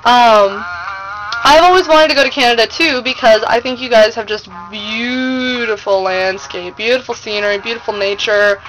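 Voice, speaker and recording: A woman's voice: a little high, steady tone, normal speed, fairly bright tone, slight background noise, rough recording. An American woman chatting casually to her vlog audience in a gushing, slangy, emphatic way. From United States. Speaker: vlogger. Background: music playing.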